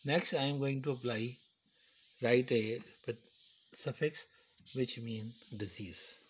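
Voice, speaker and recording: Man slowly explaining medical terms. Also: mid-range voice. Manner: slow, repetitive, explains step by step. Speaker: teacher. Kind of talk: medical terminology lecture.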